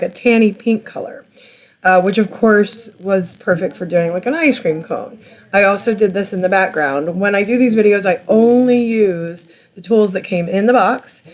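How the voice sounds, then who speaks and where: A woman hosting an art channel, talking casually and enthusiastically through a tutorial while stumbling over product names. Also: mid-range voice. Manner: chatty, rambling, enthusiastic.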